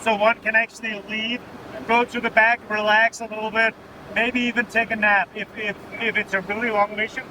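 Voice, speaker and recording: High-voiced Danish-accented man over engine drone. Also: flat delivery, moderate pace. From Denmark. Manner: matter-of-fact, often adding "right?" as a tag. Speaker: military pilot being interviewed. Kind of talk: informal technical explanation in an interview. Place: inside an aircraft cockpit in flight. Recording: loud vehicle drone behind the voice. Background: aircraft engine and air noise.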